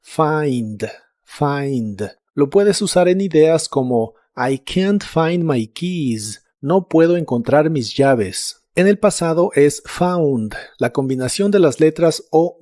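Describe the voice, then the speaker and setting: Calm man teaching an English lesson. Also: fairly high pitch, no echo, studio quality. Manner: slow, even explanation with repeated example words. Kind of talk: scripted language lesson.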